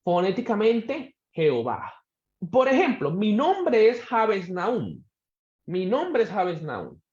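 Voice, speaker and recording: A man teaching a church Bible class, quizzing his students and slowing down to stress key words. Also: high-pitched, sing-song, a little mellow. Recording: echoey room, dull sound.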